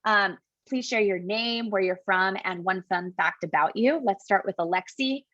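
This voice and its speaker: A woman's voice: medium pitch, fairly bright tone, no room sound, muffled recording. Upbeat woman moderating a panel. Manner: upbeat, brisk, quick with short affirmations. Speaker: admissions officer, panel host.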